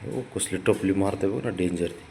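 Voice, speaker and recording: A man at home chatting to his pet cats, coaxing and teasing them, swinging between soft murmurs and high sing-song pleading. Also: moderate pace, creaky, slight background noise. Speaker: cat owner vlogger. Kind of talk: casual talk to pet cats.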